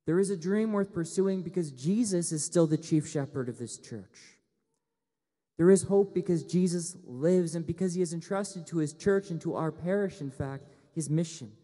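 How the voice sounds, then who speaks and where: Young priest giving a homily, slightly high voice, headset mic, long church echo. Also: male voice, dark tone. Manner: earnest, gesturing, rising to emphatic appeals. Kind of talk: sermon. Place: church sanctuary at a lectern, indoors.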